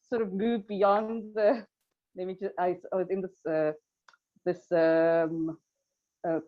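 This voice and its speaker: A woman who teaches environmental studies, speaking on a panel over a group video call, thoughtful and halting with many fillers. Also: medium pitch. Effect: heard over a group video call. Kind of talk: reflective panel talk. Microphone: computer mic on a video call. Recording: dull lo-fi video call audio.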